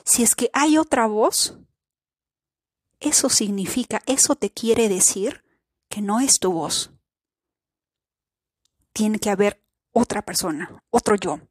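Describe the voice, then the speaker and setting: Slow and husky, with long pauses, a woman with a mid-range voice hosts a spiritual self-help podcast in a clean, dry studio. She speaks earnestly and keeps asking the listener rhetorical questions.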